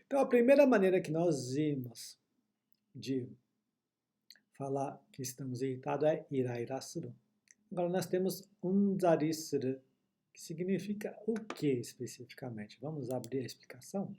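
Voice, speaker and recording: A man's voice: fairly high pitch, animated, normal speed, warm tone. A man with a Brazilian accent teaching Japanese in an online lesson, explaining patiently and often checking that listeners follow. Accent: Brazilian Portuguese.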